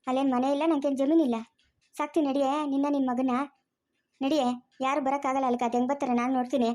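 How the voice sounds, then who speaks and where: A woman playing a sharp-tongued grandmother who scolds her daughter-in-law, speaking rural Chikkaballapur Kannada. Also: high-pitched, level tone, lightly acted. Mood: scolding. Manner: scolding, rapid and raised. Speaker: grandmother character. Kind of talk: family drama acting.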